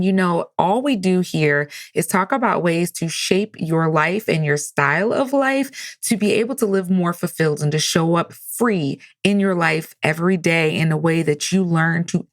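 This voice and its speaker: A woman's voice: fairly low pitch, no room sound, clean studio sound. A woman hosting a motivational podcast, telling stories and speaking with enthusiasm. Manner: enthusiastic, storytelling. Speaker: podcast host.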